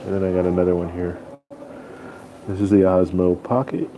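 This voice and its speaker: Male streamer, low and very relaxed, chatting loosely with viewers over faint background noise. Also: normal speed, poor audio. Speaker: live stream host. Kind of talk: casual live stream chat with viewers. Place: airport waiting area.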